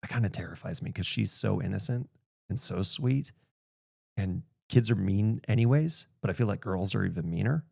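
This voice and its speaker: A man's voice: fairly low pitch, animated, normal speed, gravelly, darkish tone, slightly rough, no echo, studio quality. A man in his thirties, a podcast host talking candidly in casual conversation and laughing often.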